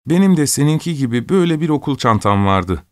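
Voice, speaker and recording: A man's voice: mid-range voice, sing-song, quick pace, no echo, clean studio sound, pitched above the performer's own voice, close to an everyday voice. Man playing an earnest young man.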